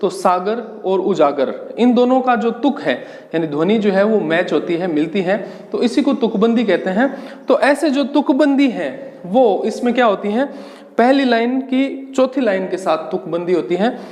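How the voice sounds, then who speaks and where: A man with a fairly high voice teaches literary terms in a slow, patient way, repeating words and asking his students questions he then answers. His voice rings through a roomy space with a long echo. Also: lively intonation, a little mellow. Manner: slow, explanatory, repeats key terms and asks rhetorical questions. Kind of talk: exam-prep lecture in Hindi with English terms. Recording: echoey, reverberant room.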